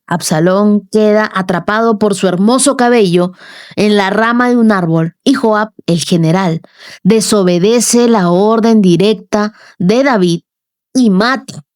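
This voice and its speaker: Woman devotional reader, measured and unhurried, mid-pitched, very dry close-mic sound. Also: darkish tone, no room sound. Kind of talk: scripted Bible reading and devotional commentary.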